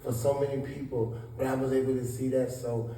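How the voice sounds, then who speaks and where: Answering interview questions earnestly, a guest from Southeast Washington, D.C. often restarts as he gropes for words. He talks briskly in a warm, level, mid-range voice. He is far from the mic and a bit off it, in an echoey room with faint noise.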